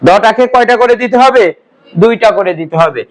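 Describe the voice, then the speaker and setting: A man's voice: high-pitched, animated, fairly quick, poor audio. A man teaching a grammar class as a patient lecture, who quizzes his students and repeats each answer himself. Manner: patient step-by-step explaining.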